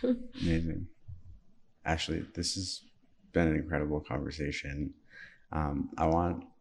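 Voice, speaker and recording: A man's voice: very deep voice, little pitch movement, unhurried, slightly rough. A man hosting a podcast who gives brief, affirming replies and then brings the interview to a close. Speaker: podcast host. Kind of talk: interview host.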